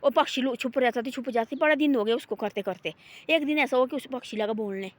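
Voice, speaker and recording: A storyteller recounts a moral folk tale in a rambling, folksy style, often restarting and repeating her tags for "he said." Her voice is a little high and fast, with no echo.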